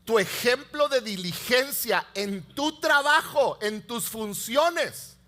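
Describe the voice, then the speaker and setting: Male pastor, 30s; high, bright voice; lively sermon delivery, loud to hushed. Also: slow pace. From Mexico. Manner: animated storytelling, swings from loud to hushed.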